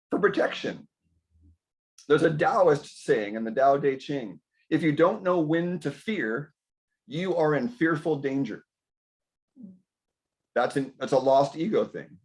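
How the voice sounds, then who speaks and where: A middle-aged man hosting a casual group health discussion, rambling through animated stories and asides. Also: on the high side. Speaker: health talk host.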